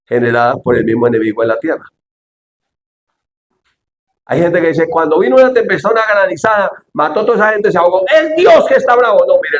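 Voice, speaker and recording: A man's voice: fairly high pitch, roomy sound. A man preaching a sermon, asking the congregation questions and acting out quoted speech with dramatic voices.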